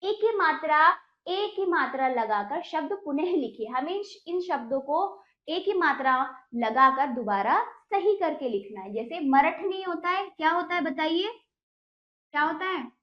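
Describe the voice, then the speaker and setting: Brief: patient woman teacher, high bright voice, slow deliberate delivery for young pupils. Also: expressive. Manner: patient, quizzes and repeats answers slowly. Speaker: primary school Hindi teacher. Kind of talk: classroom lesson explaining exercises. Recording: echoey room, dull lo-fi sound.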